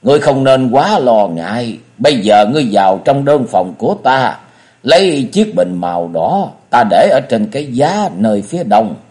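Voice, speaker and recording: A man's voice: medium pitch, sing-song, moderate pace, a little mellow, lightly acted. A man voicing a stern, commanding old matriarch of the martial world in a storybook reading. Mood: grave. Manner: commanding, wrathful.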